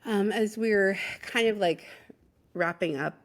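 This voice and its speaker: A woman hosting a podcast interview, chatting casually, nodding along with frequent "mm-hmm" and "yeah" and speaking in an animated way. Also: medium pitch, takes it slowly. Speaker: podcast host.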